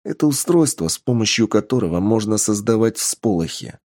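A man putting on a cool-headed schemer in an audiobook, low-pitched and steady. He explains plans calmly and persuasively. The sound is dry and close. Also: a little fast, no echo.

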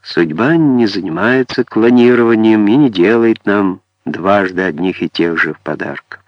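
A man narrating a first-person memoir audiobook in a calm, ironic storytelling manner. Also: on the low side, measured pace, no echo, muffled recording.

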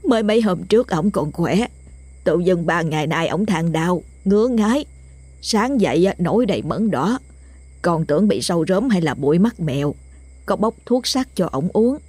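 A woman's voice: fairly low pitch, lively intonation, normal speed, a little mellow, slightly rough, no echo. A woman voicing a tearful village wife pleading for her dying husband.

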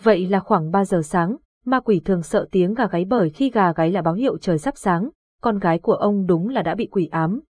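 A woman reading the lines of a calm, authoritative old exorcist in a horror audiobook, with a husky voice. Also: medium pitch, no echo, lightly acted. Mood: grave. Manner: measured, authoritative.

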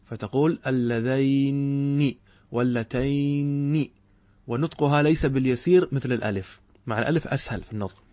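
A man's voice: mid-range voice, expressive, darkish tone, dry recording. Man lecturing on grammar with questions. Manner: asks rhetorical questions and answers them, slows to spell out words. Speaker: teacher of Arabic grammar. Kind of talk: classroom lecture explaining a grammar text.

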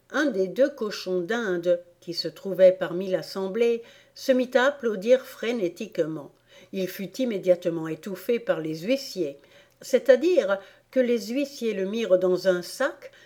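A woman narrates a storybook in a calm, unhurried manner. Her pace is slow and her tone mellow and soft. It sounds like a classic read-aloud audiobook. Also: medium pitch. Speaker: audiobook reader.

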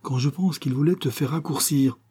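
A man's voice: mid-range voice, moderate pace, warm tone, breathy edge, pitched above the performer's own voice, close to an everyday voice. A male reader voicing a frightened old woman who talks in a trembling, pleading way. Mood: wheedling.

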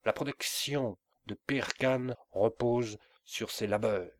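A man voicing a boisterous wandering mollah who is really a bold trickster, declaiming slowly and with emphasis. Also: mid-range voice, no room sound, lightly acted.

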